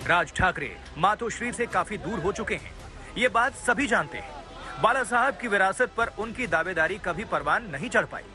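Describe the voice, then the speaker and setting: With lively intonation and a high voice, a man reads scripted TV news narration at a moderate pace. He's a reporter voicing a video package, emphatic and dramatic, backed by a music bed.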